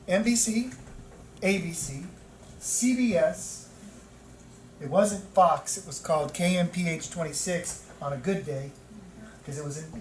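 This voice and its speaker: A teacher trainer in his fifties, with a fairly high voice, lectures a class of teachers through animated stories and repeats words for emphasis. He is recorded from far off in an echoey room, with steady noise in the background.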